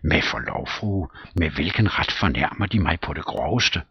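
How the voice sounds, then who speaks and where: Man playing a loud brusque landowner, blustering and challenging, read-aloud play. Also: rumbling low, expressive, vocal fry, breathy edge, no echo, dull audio, full character voice. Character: blustering, quarrelsome middle-aged landowner.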